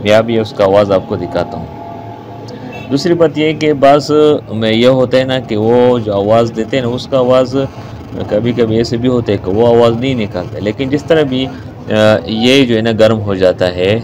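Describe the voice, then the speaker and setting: A man with a low voice and a Pakistani Urdu accent walks through a repair step by step. He repeats key words and fills pauses as he works. Street and vehicle noise runs clearly behind him. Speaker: repair technician. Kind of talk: hands-on repair tutorial.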